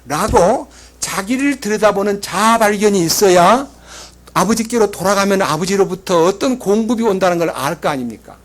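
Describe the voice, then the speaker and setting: A male pastor delivers a sermon in a lively storytelling way. His voice sits notably high for a man, and he swings between loud emphasis and soft asides. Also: moderate pace.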